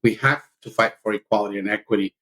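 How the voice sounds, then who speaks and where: A man's voice: lowish voice, fairly even intonation, quick pace, sharp tone, rough recording. A middle-aged man from El Salvador, a union leader speaking as a guest on a podcast with earnest conviction. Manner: earnest, impassioned about justice. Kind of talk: podcast conversation.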